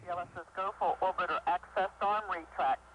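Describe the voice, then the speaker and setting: High-pitched, rapid man over walkie-talkie radio. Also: fairly even intonation, lo-fi sound. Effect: radio transmission. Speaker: launch controller. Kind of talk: procedural loop announcement. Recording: radio link with faint noise.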